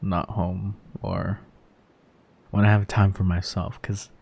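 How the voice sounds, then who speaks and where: A man playing a sheepish, embarrassed boyfriend in a conversational audio role-play, talking haltingly and casually. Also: low voice, little pitch movement, vocal fry, a little mellow, breathy edge, full character voice. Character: sheepish, embarrassed boyfriend caught by his partner.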